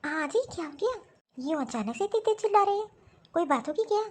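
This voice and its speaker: A stubborn, untruthful young wife from a cartoon story, voiced by a woman, answering back defiantly. Her voice is high and bright. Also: expressive, fast. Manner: defiant and argumentative. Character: defensive young wife and mother, lying and stubborn. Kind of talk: animated story voice acting.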